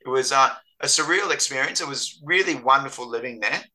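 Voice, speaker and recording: A man's voice: medium pitch, fairly quick, sharp tone, poor audio. An Australian man with a slightly Americanized accent, chatting casually as a guest, full of fillers and restarts. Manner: hesitant, many fillers and restarts. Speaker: interview guest. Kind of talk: casual conversation.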